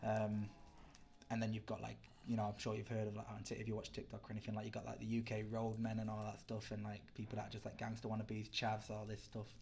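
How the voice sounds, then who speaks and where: Young British streamer, low-pitched, rambling casual chat with viewers. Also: male voice, completely flat delivery, quick pace, creaky, a little mellow. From Britain. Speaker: livestreamer. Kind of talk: casual chat while gaming live.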